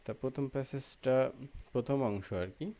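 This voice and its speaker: A man's voice: medium pitch, normal speed, dark tone. A young man teaching a language lesson, patiently explaining pronunciation rules and often checking that students follow. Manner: patient, repeats terms and checks understanding often. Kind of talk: explaining Korean grammar and pronunciation.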